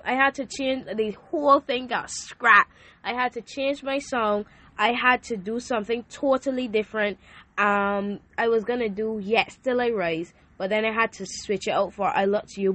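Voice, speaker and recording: A young woman hosts a faith talk podcast and shares a personal testimony, speaking earnestly and often repeating herself and restarting sentences. Her voice is medium-pitched and fairly bright but a little hoarse from a sore throat.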